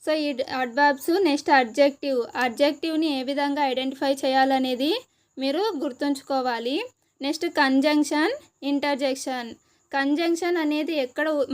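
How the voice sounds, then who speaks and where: High-voiced Telugu-accented woman teacher. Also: fairly even intonation. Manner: slow, deliberate listing of terms one by one. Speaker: exam prep teacher. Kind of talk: explanatory lesson for exam preparation.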